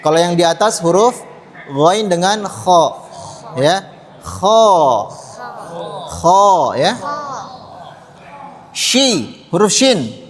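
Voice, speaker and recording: A man's voice: high-pitched, very animated, drawn-out words, pauses often. A man teaching a Quran pronunciation lesson to children, patiently drilling sounds and having the class repeat after him. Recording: long hall reverb.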